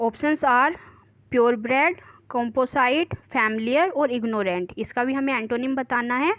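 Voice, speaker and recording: Woman, teacher, very slow delivery, fairly high voice, dry muffled sound. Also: dry recording. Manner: reads questions slowly, explains quickly, mixing Hindi and English. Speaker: English teacher. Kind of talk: exam practice lesson.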